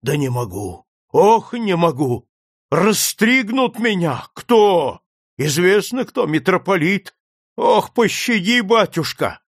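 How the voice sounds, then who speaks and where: A man's voice: a little high, very animated, unhurried, no room sound, clean studio sound, full character voice. A man voicing a timid, fawning village priest who pleads and sighs in a storybook reading. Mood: pleading.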